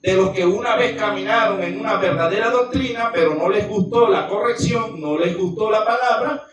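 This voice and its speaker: A man's voice: high voice, normal speed. A man preaching a sermon with emphasis, often asking his listeners questions. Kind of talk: sermon with congregation exchange. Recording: echoey room, far from the mic, music behind.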